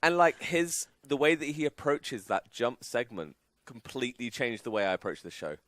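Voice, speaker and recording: A man co-hosting a charity stream, rambling through heartfelt shout-outs and thanks. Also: medium pitch, moderate pace, dry recording. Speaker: stream co-host. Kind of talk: casual stream chat.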